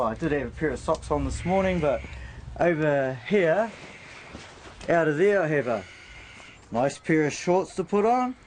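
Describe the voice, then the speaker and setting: A man with a New Zealand accent rambles casually and with emphasis. His voice sits a little high. It is a noisy amateur location recording. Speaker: interviewee showing his home and pets.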